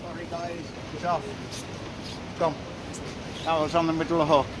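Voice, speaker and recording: Older man, loud wind on mic. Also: on the high side, little pitch movement, moderate pace. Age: older, around 50s to 60s. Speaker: angler vlogger. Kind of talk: casual outdoor fishing vlog. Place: outdoors on a windy seaside pier. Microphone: handheld or tripod-mounted phone. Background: wind and sea noise.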